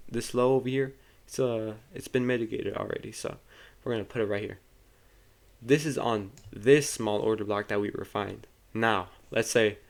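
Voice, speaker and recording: A man walks viewers through a casual screen-share lesson in an easygoing, informal way. He often restarts sentences and corrects himself mid-thought. He addresses his audience directly and casually. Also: on the low side. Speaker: trading tutor.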